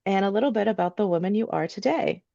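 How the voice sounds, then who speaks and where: A woman hosting an interview podcast, reading a measured scripted intro and then asking chatty questions. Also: mid-range voice, lively intonation, vocal fry, dark tone, lo-fi sound. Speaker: podcast host.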